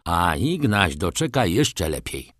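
A man voicing a calm, steadfast father, speaking firmly, in an audiobook reading. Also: low-pitched, slow pace, no room sound, clean studio sound, full character voice. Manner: calm, firm.

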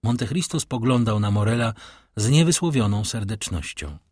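Husky low-voiced male audiobook narrator. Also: lively intonation, moderate pace, darkish tone, no echo, studio quality. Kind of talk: scripted literary narration.

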